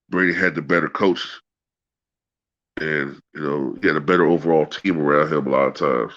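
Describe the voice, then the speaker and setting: A low-pitched man talks loosely to live viewers in a colloquial, sweary way. His nose is blocked by a cold, giving a thick, congested nasal sound. The audio is dull and lo-fi. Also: fairly bright tone. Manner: profane, colloquial, peppered with "man" and "you know". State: congested with a head cold, clearing throat. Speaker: sports talk livestream host. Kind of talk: casual rambling chat to live viewers.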